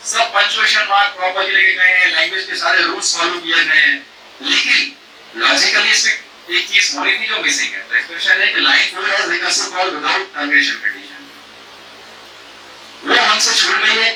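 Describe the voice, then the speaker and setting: A man's voice: sits high, pushed and bright, reverberant, recorded from a distance, slight background noise, low-quality recording. A man lecturing on programming errors, asking rhetorical questions, using homely food analogies and mixing English technical terms into his talk. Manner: mixes English technical phrases into Hindi. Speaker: professor teaching a faculty workshop.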